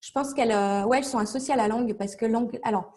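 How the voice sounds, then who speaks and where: A woman's voice: on the high side, fast, darkish tone. A young woman being interviewed, talking casually and at length, with many fillers and restarts as she explains things with examples. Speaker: interview guest, language learning blogger.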